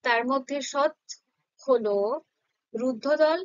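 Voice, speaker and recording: A woman teacher explaining a Bengali grammar lesson patiently, slowly sounding out syllables for her students. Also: high voice, clean tone, no echo, muffled recording.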